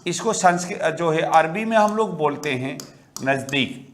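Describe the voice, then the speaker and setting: A man's voice: a little high, lively intonation, moderate pace, slight background noise. A middle-aged man teaching an exam-prep grammar lecture, often asking rhetorical questions and repeating key words for emphasis.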